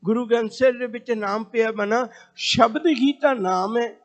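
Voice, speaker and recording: A man's voice: very high-pitched, moderate pace. A man preaching a sermon, telling a story and reciting scripture in a chanted lilt. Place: gurdwara congregation.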